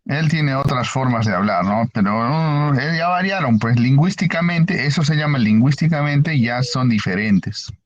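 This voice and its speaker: A man's voice: mid-range voice, lively intonation, normal speed, hardly any pauses, dry recording, lo-fi sound. Man lecturing a class. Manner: explanatory, asks the class frequent questions. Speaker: teacher. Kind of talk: online university lecture.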